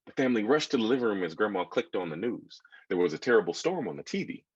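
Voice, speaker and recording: Husky and animated, this American author storytells from his own children's book, speaking fast in a lowish voice and engaging his young listeners with asides and questions. The audio is lo-fi with no room sound.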